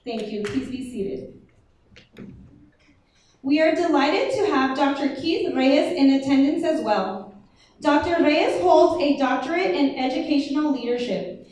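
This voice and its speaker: A woman's voice: high voice, darkish tone. A woman emceeing a school honor society induction, reading formal announcements. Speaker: ceremony emcee. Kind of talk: scripted ceremony announcing. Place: large echoey hall. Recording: echoey hall from far off, faint noise.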